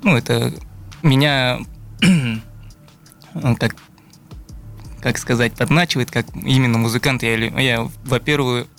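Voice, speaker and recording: A young man from Buryatia, Russia, a guest musician who beatboxes and loops, answers interview questions thoughtfully, searching for his words. His medium-pitched voice is fairly bright, his pace measured with long pauses, and soft music plays behind him.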